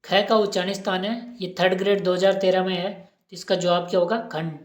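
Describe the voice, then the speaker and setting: A woman's voice: fairly low pitch, flat delivery, brisk. A woman teacher giving an exam-prep lesson, asking questions and repeating each answer aloud. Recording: roomy echo.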